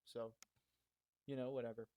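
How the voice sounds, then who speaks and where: A man's voice: mid-range voice, level tone, normal speed, warm tone, no echo. A young man co-hosting a casual wrestling review podcast, rambling with lots of fillers and cheerful swearing. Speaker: podcast co-host. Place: makeshift home recording spot.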